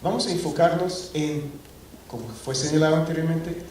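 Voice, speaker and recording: Heard from afar across a big, echo-filled hall, a middle-aged Scottish man gives a technical talk to a crowded room. His voice is mid-pitched and slightly mellow, his pace normal, and his delivery halting, with many fillers and restarts. A gentle hum of noise stays in the background.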